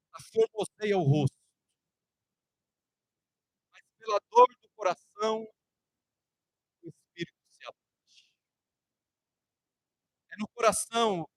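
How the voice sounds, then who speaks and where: A man's voice: sits high, fairly bright tone, no echo, rough recording. A man with a Brazilian Portuguese accent, preaching a sermon and telling a personal story, often repeating his words.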